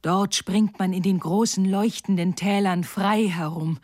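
A woman voicing an old, homesick reindeer in a storybook, speaking slowly and half-whispered. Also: medium pitch, fairly even intonation, a little mellow, dry recording, studio quality, close to an everyday voice. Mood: dreamy. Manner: slow, drawn-out, half-whispered.

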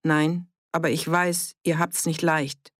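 A reader voicing a calm but challenging village man in an audiobook. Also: medium pitch, slow pace, no room sound, clean studio sound, natural voice.

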